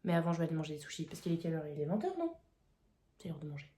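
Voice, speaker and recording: A woman's voice: low voice, very animated, rapid-fire, dark tone, a little hiss or hum. A young woman in her twenties chatting enthusiastically about her reading in a casual vlog, filmed at home on a phone. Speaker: book vlogger. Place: home, indoors. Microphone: phone mic. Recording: echoey room on phone mic.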